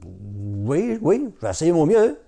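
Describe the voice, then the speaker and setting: A man voicing a young man in a spoken folk tale, lively and questioning. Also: fairly high pitch, slow pace, gravelly, voice pushed up, full character voice. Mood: puzzled. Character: young man, wary and practical.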